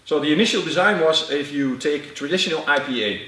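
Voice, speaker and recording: A man giving a technical product explanation in a halting way, with frequent fillers. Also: fairly high pitch, expressive, sharp tone, recorded from a distance. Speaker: product expert. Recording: roomy echo, off-mic.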